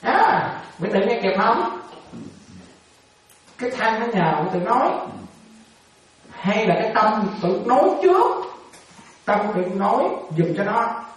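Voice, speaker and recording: A man's voice: high-pitched, very animated, slow pace, pauses often, heavy reverb, far from the mic, rough recording. A man, a monk, gives a dharma talk and keeps asking his listeners questions, teasing them and laughing often. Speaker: monk teaching.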